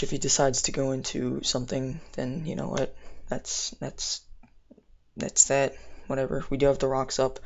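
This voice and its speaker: A young man talks through his game in a loose, slangy ramble. His mid-pitched voice crackles with vocal fry and his speech is slightly impeded. The recording is muffled and lo-fi, with keys clicking as he plays. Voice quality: slightly impeded speech from orthodontic appliance in mouth. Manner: rambling, thinking aloud, slangy. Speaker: gamer narrating own battle. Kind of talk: casual live game commentary.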